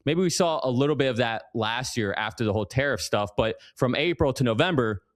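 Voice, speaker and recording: A man's voice: mid-range voice, lively intonation, a little fast. A man hosting an interview over a video call, asking long questions with many restarts. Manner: hesitant, restarts, laughs easily. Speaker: interviewer, podcast host.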